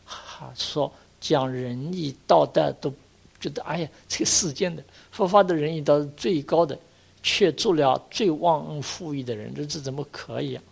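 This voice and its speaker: Older male monk, dharma lecture, gravelly and a touch high-pitched, earnest and exhorting, lots of drawn-out filler sounds. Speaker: Buddhist monk teacher.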